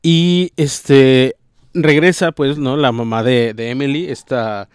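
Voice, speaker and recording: A man's voice: mid-range voice, steady tone, slow, smooth, no room sound, studio quality. A man with a Mexican accent casually retelling a novel's plot, rambling and tagging nearly every phrase with a question. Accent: Mexican Spanish. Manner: slangy and informal. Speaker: book discussion host.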